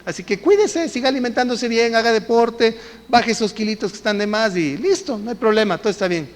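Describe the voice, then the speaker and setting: Hombre haciendo de médico sereno y tranquilizador. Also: male voice, extremely high pitch, a little fast. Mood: reassuring. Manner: calm reassuring advice. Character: matter-of-fact male doctor giving checkup results. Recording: echoey church hall.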